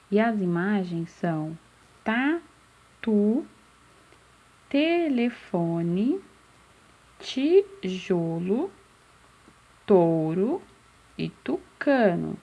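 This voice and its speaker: A Brazilian woman teaching a slow, patient phonics lesson for young children, stretching out syllables and asking questions that she then answers herself. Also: medium pitch, creaky, dark tone. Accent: Brazilian Portuguese. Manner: drawn-out syllables, asks questions and answers them. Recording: dull, muffled lo-fi recording.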